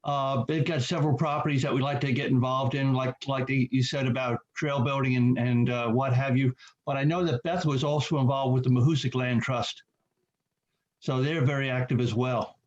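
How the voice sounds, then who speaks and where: A man's voice: medium pitch, steady tone, normal speed. Casual man on a muffled call. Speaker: club member. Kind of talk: casual remarks on a video call. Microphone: video call. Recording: muffled video call audio.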